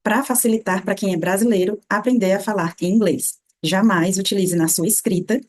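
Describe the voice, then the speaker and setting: A Brazilian woman with a Brazilian Portuguese accent teaches English pronunciation. She slows down to repeat single sounds and words over and over. Her voice is mellow and dark in tone, at a middle pitch. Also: slight background noise. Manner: slow demonstrative repetition of sounds. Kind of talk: pronunciation lesson.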